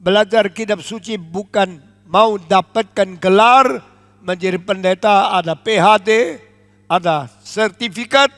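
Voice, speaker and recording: An older man from Indonesia preaching a sermon as pastor, emphatic and deliberate, switching at times into English. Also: sits high, a bit bright. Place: large church auditorium. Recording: long echo of a large church hall.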